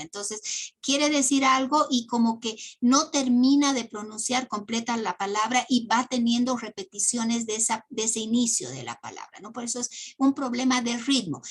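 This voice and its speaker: A woman teacher giving an online class lecture, explaining step by step with many "eh" fillers and "¿no?" tag questions. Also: on the high side.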